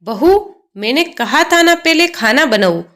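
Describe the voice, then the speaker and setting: A woman's voice: high voice, expressive, unhurried, fairly bright tone. A woman voicing a harsh, domineering older mother-in-law who scolds and gives orders. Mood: scolding. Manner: scolding, commanding.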